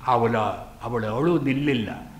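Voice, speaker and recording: A man lecturing on an old epic, chanting Sanskrit verses and then explaining them in a slow, deliberate way. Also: mid-range voice, reverberant, slight background noise.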